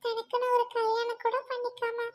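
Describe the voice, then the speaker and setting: A woman's voice: very high voice, completely flat delivery. A woman voicing a friend who firmly lectures a girl about gratitude, in a short drama. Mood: lecturing. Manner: lecturing, slow and firm. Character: stern female friend lecturing the sister.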